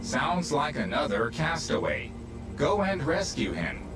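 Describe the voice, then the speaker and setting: A man's voice: a little high, very animated, unhurried, distant mic, over loud music, rough recording. A man playing a practical expedition teammate in a video game. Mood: matter-of-fact.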